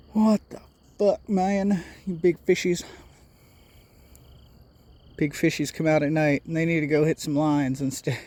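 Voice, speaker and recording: A man chatting casually while night fishing on a riverbank, excitable, swearing a lot and laughing often. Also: fairly high pitch. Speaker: angler filming his night fishing. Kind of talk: casual fishing vlog chat.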